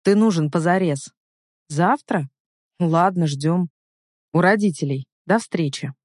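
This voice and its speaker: A hot-tempered, protective older brother, as a woman narrator plays him in a storybook reading. He speaks bluntly and firmly in a lowish voice. The recording is dry and close. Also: measured pace, darkish tone, dry recording.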